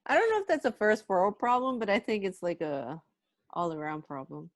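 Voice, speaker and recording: A woman's voice: medium pitch, very animated, brisk. A woman co-hosting a podcast, chatting casually and teasing the others with sarcastic jokes. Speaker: podcast co-host. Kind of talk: casual chat.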